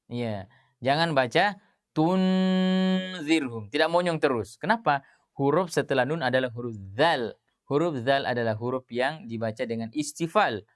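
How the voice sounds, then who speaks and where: A man teaching tajwid, explaining rules in plain speech and reciting example words slowly and drawn out, with many fillers. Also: mid-range voice, no room sound, studio quality.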